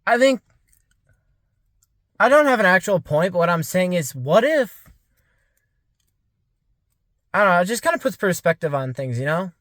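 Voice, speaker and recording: Young man, around twenty, rambling vlog musing, slightly high pitch, dry recording. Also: sing-song, normal speed, long pauses, fairly bright tone, dry recording. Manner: rambling, many "like" fillers, musing. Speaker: vlogger. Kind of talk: casual reflective monologue.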